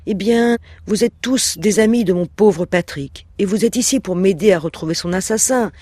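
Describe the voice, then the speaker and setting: A man voicing a sweet, scheming young housewife in a high, pleading voice. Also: normal speed, darkish tone, no echo. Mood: sweetly coaxing. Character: young housewife, sweetly cunning, tearful on demand.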